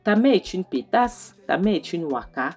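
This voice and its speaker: A harsh, scornful father, voiced plainly by a woman narrator in a retold film story, speaking low and menacing. His words come out cutting and contemptuous. Faint music plays underneath. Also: big pitch swings, normal speed, a little mellow, husky. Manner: scornful, threatening. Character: harsh accusing father, middle-aged man.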